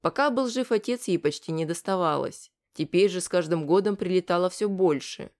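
A woman with a fairly low voice reads a novel aloud in an even storytelling manner. Her delivery is scripted and steady, paced for listening. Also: a little fast. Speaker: audiobook narrator. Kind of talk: scripted narration.

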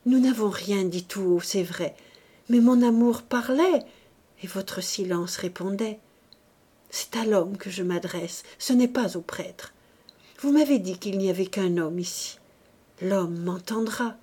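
A woman's voice: medium pitch, a little slow, mellow, husky. A woman voicing a desperate woman confessing her love, with a pleading, trembling delivery that sometimes drops to a whisper.

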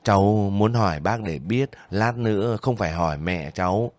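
A man's voice: on the low side, normal speed, a little mellow, no echo, lightly acted. A man voicing a young soldier on leave who pleads and questions anxiously in a spoken story. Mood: faint. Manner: anxious, breaking voice.

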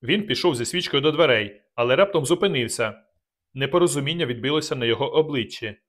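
A man's voice: mid-range voice, animated, fast, a bit bright. Man reading a dramatic audiobook. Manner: dramatic first-person reading. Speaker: audiobook narrator. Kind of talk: scripted narration.

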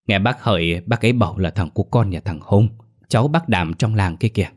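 A man's voice: on the low side, fairly quick, lightly acted. A man voicing a gossiping middle-aged village woman who laments. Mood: gossipy lament.

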